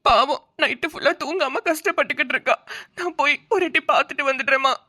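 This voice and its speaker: A woman's voice: high voice, fast, bright, forceful tone. A woman voicing a fussy, doting middle-aged mother-in-law in a cartoon, fretting dramatically. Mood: fussing. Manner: fretful, doting, dramatic worry. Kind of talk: cartoon voice acting.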